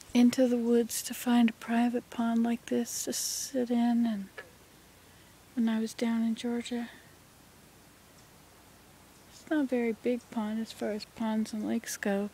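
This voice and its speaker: An older woman paddling a kayak on a small pond outdoors, talking softly and half-whispering to viewers in a relaxed nature vlog, recorded on a handheld camera at arm's length. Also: a little high, a little hiss or hum, low-quality recording. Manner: soft, musing, talks to the viewer while paddling. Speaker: vlogger. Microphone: handheld phone camera at arm's length.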